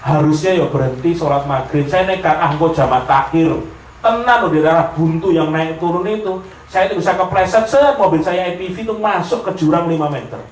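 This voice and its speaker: A fairly quick, high-sitting voice belongs to a preacher with a Javanese accent, who animatedly tells funny stories in his sermon, imitates the voices of their characters, and lapses into Javanese. Laughter fills the lecture hall, recorded from a distance with echo and a little hiss or hum.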